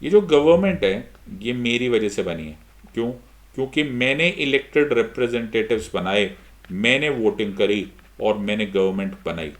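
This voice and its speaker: A man's voice: on the low side, normal speed. A middle-aged Indian man teaching an exam-prep lesson, switching between Hindi and English with an Indian accent and putting questions to himself before he answers them. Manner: lively, mixes Hindi and English, asks and answers his own questions. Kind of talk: online lecture.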